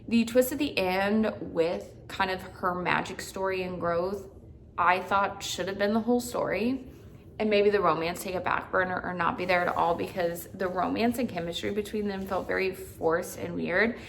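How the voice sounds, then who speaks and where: A woman's voice: on the low side, moderate pace, gravelly, a little hiss or hum. A woman vlogger casually reviewing books, chatty and rambling with lots of filler words. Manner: exasperated ranting at times. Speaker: book vlogger. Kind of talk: casual book review chat.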